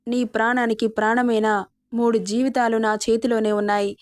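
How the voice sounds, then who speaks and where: Menacing young male villain, taunting and cruel, voiced by a woman narrator; flat, higher delivery, dry sound. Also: brisk, no room sound, lightly acted. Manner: threatening, taunting.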